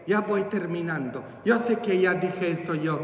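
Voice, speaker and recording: A man's voice: sits high, a little slow. A male priest preaching at a church retreat, joking and teasing the congregation as he talks. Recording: echoey church from far off.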